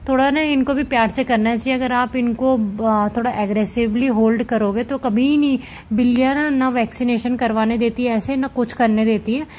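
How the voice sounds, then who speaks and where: A woman vlogging casually at home with her cats, chatting gently to viewers as she handles them. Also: a little high, steady tone, moderate pace, few pauses, slight background noise. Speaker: cat vlogger. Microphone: camera set up nearby.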